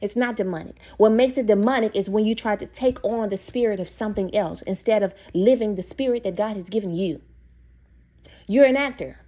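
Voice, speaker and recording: A young woman talks straight to her viewers in a casual, opinionated monologue with a preachy edge. Her voice is mellow and warm, at an ordinary middle pitch. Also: brisk. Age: young adult. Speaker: video host.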